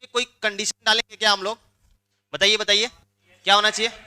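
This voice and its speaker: Bright, high-pitched math teacher. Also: male voice, level tone, a little fast, clean tone. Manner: prods students for answers, repeats questions. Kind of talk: interactive classroom lecture.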